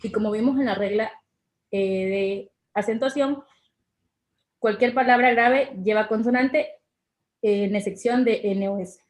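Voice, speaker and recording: A woman's voice: on the high side, measured pace, long pauses. A young woman giving a class presentation, hesitant, with many fillers. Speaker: student presenter. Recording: echoey room with faint music.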